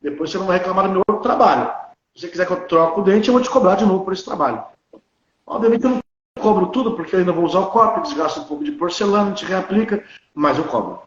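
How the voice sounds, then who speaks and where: A man in his late thirties with a fairly high voice talks in a blunt, opinionated way, clearly sure of his views. He is from Brazil and speaks as a working dentist. The sound is dull and lo-fi, in an echoey room. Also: animated, racing, slight background noise. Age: 30s. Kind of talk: casual conversation.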